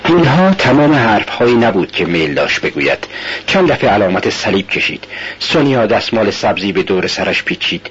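Husky male narrator, lo-fi radio recording. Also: lowish voice, fairly bright tone. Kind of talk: literary audiobook narration.

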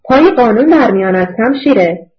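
Woman doing a pompous male police officer, condescending, slightly raised pitch, dull lo-fi sound. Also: lively intonation, natural voice. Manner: dignified, condescending. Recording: dull lo-fi recording.

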